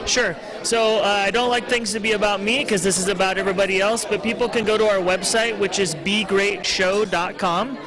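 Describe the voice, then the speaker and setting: A man's voice: high voice, steady tone, fairly quick, few pauses. A man earnestly explaining things as a guest in a casual interview. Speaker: interview guest, show founder. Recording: event crowd noise behind.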